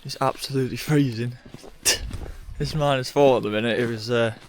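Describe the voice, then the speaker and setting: A young man with a cold talks casually to camera in a nasal, mid-range voice at a moderate pace. The vlogger is relaxed and offhand, saying "bloody" a lot. He films first in his car and then out in frozen woods, with noisy background sound.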